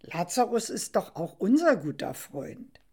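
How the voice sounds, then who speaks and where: A woman's voice: medium pitch, very animated, unhurried, darkish tone, slightly rough, exaggerated voice. A woman voicing the apostle Peter, an earnest grown man who explains things patiently, in a storybook reading.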